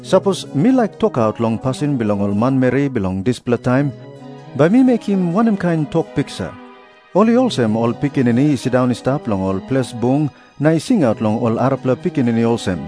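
A man with a Papua New Guinean accent playing an earnest prophet who preaches deliberately in a dramatised scripture reading. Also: medium pitch, big pitch swings, dark tone, faint music behind, natural voice. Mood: earnest teaching. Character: Jesus, earnest preaching prophet addressing crowds.

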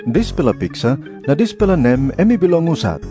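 A man's voice: fairly high pitch, very animated, fairly quick, music in the background. A man with a Papua New Guinean accent playing a teacher telling parables in a dramatised scripture reading. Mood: firm teaching. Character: Jesus, an adult male teacher telling parables. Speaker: voice of Jesus in an audio Bible.

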